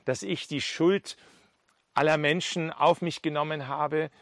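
A man voicing Jesus as a gentle risen teacher, asking earnest questions. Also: a little high, steady tone, a little slow, dry recording, clean studio sound.

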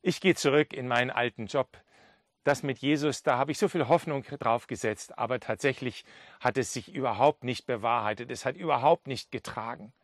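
A man's voice: mid-range voice, moderate pace, dry recording, studio quality, lightly acted. A man voicing Peter, a disillusioned fisherman disciple, speaking in a weary, confessional way.

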